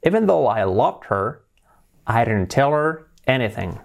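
A young man with a Spanish accent, a native Spanish speaker, gives a casual video lesson, mixing Spanish explanations with slow, repeated English examples. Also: medium pitch, big pitch swings, vocal fry. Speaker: English teacher.

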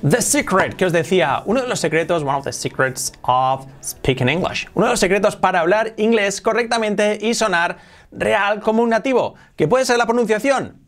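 A young man with a Spanish accent from Spain, teaching an English lesson in Spanish. He speaks with energy and repeats English phrases slowly, then quickly. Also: high voice, expressive. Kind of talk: bilingual video lesson.

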